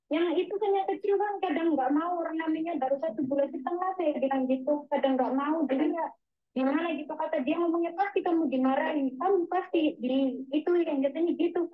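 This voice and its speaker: A woman who works abroad as a domestic helper, calling in to tell her story, rambling and repeating the same little tags again and again. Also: very high voice. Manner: rambling, repeats "gitu" and "Miss". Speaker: migrant domestic worker caller. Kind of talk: telling her story on a call. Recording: tinny phone line.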